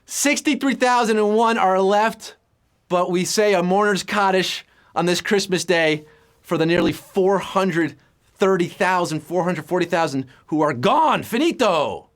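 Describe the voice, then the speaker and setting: A man hosting a live trivia game show, reading questions with playful, jokey patter and sudden jumps in pitch. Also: a little slow.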